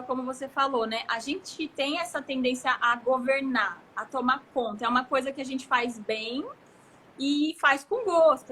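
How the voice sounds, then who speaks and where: A Brazilian woman in her thirties talks expansively as a guest in a live chat, her voice high and bright. She tells stories with animated energy, over a faint hiss of noise. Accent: Brazilian Portuguese. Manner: expansive, gesturing, animated storytelling. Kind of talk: casual live conversation.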